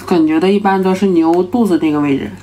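Woman mukbang host, talks while chewing, casual and matter-of-fact, lowish voice. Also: quick pace, warm tone, slight background noise. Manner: chatty, matter-of-fact explaining. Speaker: mukbang vlogger selling snacks. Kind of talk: casual chat to camera while eating.

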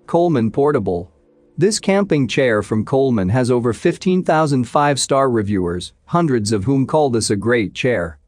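A man with a mid-range voice reads a scripted countdown of product picks in an even, measured voice-over. Faint music plays softly underneath his narration. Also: mid-range voice, no room sound.

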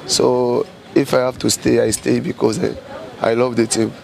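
Footballer guy, hesitant, lots of uh, gravelly voice, loud street noise outdoors. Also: medium pitch, flat delivery. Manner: hesitant, many pauses and fillers. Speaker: football player. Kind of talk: press interview answers.

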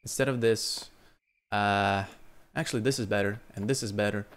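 A young man from Lithuania, streaming live gameplay commentary into a headset and talking to his chat, breaking into loud exclamations. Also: on the low side, fairly even intonation, normal speed, clear, resonant tone. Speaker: gaming streamer.

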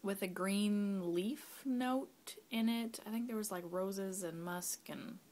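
A young mother at home, children near her, chats about a candle in a relaxed review vlog, taking her time. Her medium-pitched voice has a darkish tone, and she rambles with fillers, at times dropping to a whisper.

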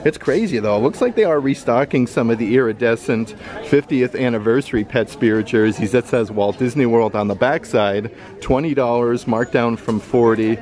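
A man's voice: mid-range voice, moderate pace. A man vlogging a casual walkthrough of a large store, upbeat and reading out prices as he browses. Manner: upbeat, reads out prices, excited about bargains. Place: large indoor retail store. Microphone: handheld camera, filming himself from behind it.

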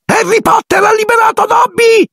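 A man voicing an excitable little male house-elf in an audiobook, shrill and squeaky, shrieking and speaking of himself by name. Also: moderate pace, vocal fry, dry recording, raised voice, clean studio sound, exaggerated voice. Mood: ecstatic. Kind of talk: audiobook character voice.

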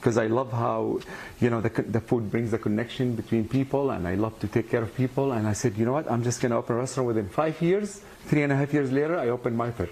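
A man from Syria in his forties, a chef and restaurant owner, talking haltingly with many fillers in a restaurant. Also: mid-range voice, steady tone, darkish tone. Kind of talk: casual interview and cooking demo. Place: inside a restaurant dining room. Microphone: lapel mic.

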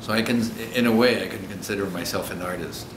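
A man in his sixties with a French accent speaks in a very low, deep voice, earnest and thoughtful as he searches for his words. The room around him rings noticeably, and a steady low rumble hums underneath. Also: quick pace, reverberant. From Egypt. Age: 60s. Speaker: coach. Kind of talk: reflective interview answers. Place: indoor hotel room.

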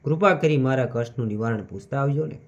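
A man's voice: mid-range voice, fast, close to an everyday voice. Guy reading as a crocodile in agony begging for help, muffled sound. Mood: anguished. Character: suffering burning male crocodile. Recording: dull lo-fi recording.

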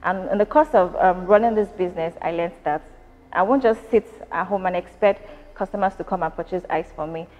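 This Nigerian woman, a company founder in her thirties, is interviewed indoors at a factory and speaks in a measured, reflective way with many fillers. Her voice runs low, the space sounds big, and the high frequencies are cut off.

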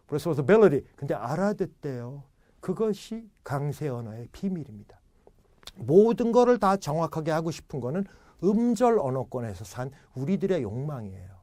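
Male lecturer, lively swooping voice, slightly high, dry close sound. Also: dry recording. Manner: animated, acts out example dialogues. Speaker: English lecturer. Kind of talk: classroom lecture.

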